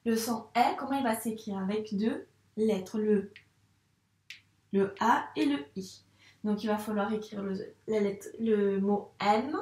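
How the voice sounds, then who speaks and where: A woman teaching young children handwriting, speaking patiently and slowly spelling words out syllable by syllable. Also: mid-range voice, darkish tone, echoey room, recorded from a distance. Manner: slow, patient, syllable-by-syllable dictation. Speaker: primary school teacher.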